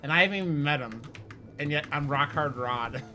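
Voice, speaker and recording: A woman's voice: sits low, fairly quick, noisy background. A woman hosting a let's play with casual, playful, teasing commentary.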